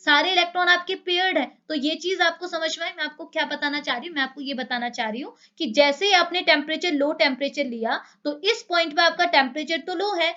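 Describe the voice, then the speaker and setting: A woman's voice: high-pitched, sharp tone, highs cut off. A woman with an Indian accent lecturing on chemistry, explaining step by step and asking many rhetorical questions. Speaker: chemistry teacher.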